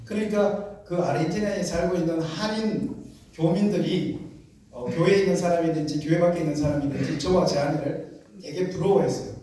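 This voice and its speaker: A man from the region preaching as a missionary pastor, telling a story in an animated way and acting out shouting family members. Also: high voice. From Gyeongsang region, Korea. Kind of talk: storytelling sermon. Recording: echoey hall, distant mic, faint noise.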